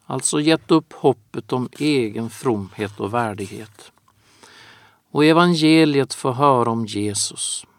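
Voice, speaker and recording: A man preaching a sermon in a slow, earnest manner, drawing out his phrases. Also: mid-range voice, no room sound.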